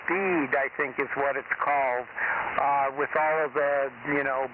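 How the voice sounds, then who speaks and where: A man's voice: mid-range voice, little pitch movement, measured pace. Rambling easygoing ham radio man. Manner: rambling, easygoing, lots of fillers. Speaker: ham radio net participant. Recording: tinny radio transmission with static.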